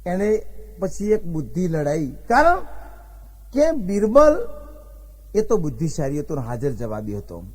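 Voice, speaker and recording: A man's voice: fairly high pitch, huge pitch swings, unhurried, pauses often. A man from Gujarat, telling folksy comic stories as a stand-up comedian and acting out the dialogue. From Gujarat, India. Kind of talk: comic storytelling on stage.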